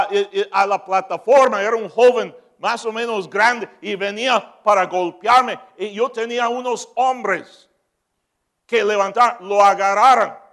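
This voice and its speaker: A man preaching a sermon as pastor, moving from shouted peaks to joking asides. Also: sits high.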